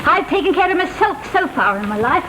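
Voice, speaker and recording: Pert young English woman, very high, swooping voice, slangy witty 1930s banter, noisy old film sound. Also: sing-song, brisk. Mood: defiant, sarcastic. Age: young adult. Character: cheeky, outspoken lower-class young English woman. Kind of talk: 1930s drawing-room comedy acting, witty period banter.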